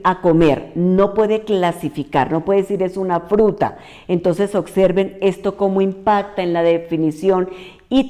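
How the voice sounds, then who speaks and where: Low warm-voiced woman explaining patiently. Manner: patient explanatory, gives many examples. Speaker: educator. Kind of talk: explanatory video lesson.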